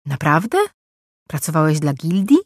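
A man's voice: on the high side, lively intonation, moderate pace, husky, dry recording, clean studio sound. A woman voicing a blunt young man who asks probing questions. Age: young adult.

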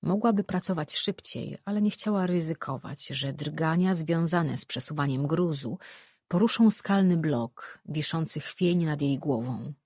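Husky, dry audiobook narrator. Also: mid-range voice, measured pace, darkish tone, no room sound. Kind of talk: scripted fantasy narration.

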